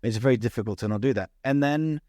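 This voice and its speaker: Speaking fast and earnestly, a young British social media founder stumbles and restarts his sentences during a podcast interview. The clean studio recording has no echo, and his mid-range voice comes across a little mellow.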